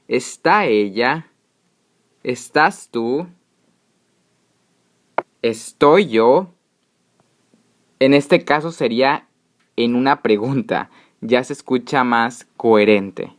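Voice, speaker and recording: Slow, patient male language teacher. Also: medium pitch. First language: Spanish. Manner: patient, step-by-step, repeats examples in both languages. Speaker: English teacher. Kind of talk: slow explanatory grammar lesson.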